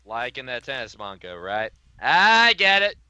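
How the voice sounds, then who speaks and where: A man's voice: medium pitch, huge pitch swings, a little slow, bright, forceful tone, clean tone, dry recording, muffled recording. A man co-hosting a let's play in casual chat, blunt and teasing with his friends.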